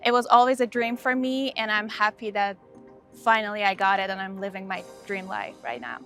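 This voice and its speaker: Bright-voiced woman introducing herself. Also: mid-range voice, fairly quick, soft background music. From Iran. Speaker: master's student introducing herself. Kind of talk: scripted self-introduction.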